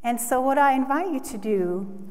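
A woman preaching a sermon in a church, earnest and expressive, lifting her voice for emphasis. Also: high voice, normal speed. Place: church sanctuary. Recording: long hall reverb.

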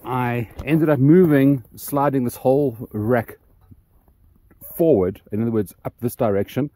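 A man's voice: mid-range voice, a little slow, warm tone. A man walking through his homemade solar panel mount outdoors, rambling with many ums and restarts, a bit out of breath. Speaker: DIY solar channel host. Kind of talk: casual walkthrough vlog.

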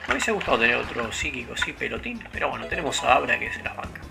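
A man with a Rioplatense accent talks through his gameplay in a loose, rambling way, drifting between stories and the game. His voice sits mid-range with a strong gravelly rasp, and game music plays clearly behind him. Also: medium pitch, expressive, fast talker. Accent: Rioplatense Spanish. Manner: rambling, digressive storytelling with frequent fillers. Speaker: let's play host. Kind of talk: casual gameplay commentary. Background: video game music.

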